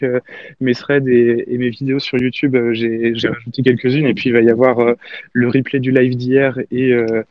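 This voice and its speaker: A man's voice: mid-range voice, no echo. A man hosting a casual live audio chat with callers, speaking informally and hesitantly with repeated words. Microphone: online audio call. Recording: band-limited, dull online audio chat.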